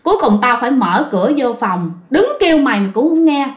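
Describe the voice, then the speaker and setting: Blunt, rough-talking male boss acted by a woman storyteller, Southern Vietnamese accent, fairly high voice, roomy dull sound. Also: very animated, fairly quick. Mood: scolding. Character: gruff male boss scolding a worker. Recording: roomy, slightly dull recording.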